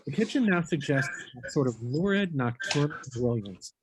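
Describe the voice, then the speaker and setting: A man's voice: mid-range voice, lively intonation, moderate pace. A man reading stage directions as scripted narration for a play. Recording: noisy home recording.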